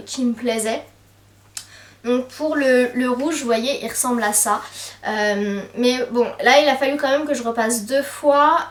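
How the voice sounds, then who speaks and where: A young woman with a slightly high voice chats about beauty buys, filling her sentences with hesitant fillers. She is recorded from a little way off the mic, and the room adds a clear echo. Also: distant mic. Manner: chatty, many hesitant fillers. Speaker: beauty vlogger. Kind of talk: casual haul chat to camera.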